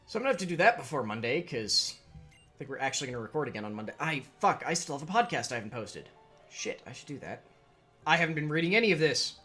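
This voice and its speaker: Man, let's play host, rambling casual commentary, swears a bit, bright voice, faint game music. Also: a little high, sing-song, fast talker, breathy edge. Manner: rambling, swears, reads game text aloud.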